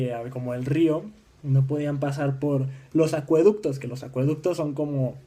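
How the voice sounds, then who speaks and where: Young man from Mexico, informal history talk, halting delivery with lots of fillers, mellow and a bit high. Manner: halting, many restarts and fillers; acts out voices in dialogue.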